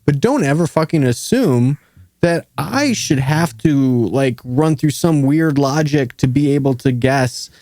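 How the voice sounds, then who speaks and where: A man hosting a casual podcast, chatting in an excitable, opinionated, rambling way with plenty of swearing. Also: mid-range voice, a little slow, dry recording, studio quality. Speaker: podcast host. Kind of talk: casual, profane podcast chat.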